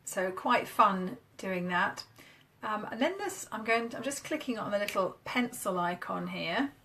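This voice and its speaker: Bright chatty British woman on a webcam. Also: mid-range voice, expressive, unhurried, a little hiss or hum. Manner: chatty, upbeat, demoing on screen as she talks. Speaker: marketing coach. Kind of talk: casual Facebook Live chat.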